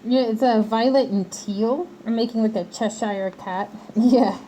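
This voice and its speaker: A woman's voice: a little high, unhurried, mellow, a little hiss or hum. A woman chatting casually and playfully on a livestream while she works, her voice slightly muffled through a respirator mask. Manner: playful, giggly, teasing. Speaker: livestream host, craft maker.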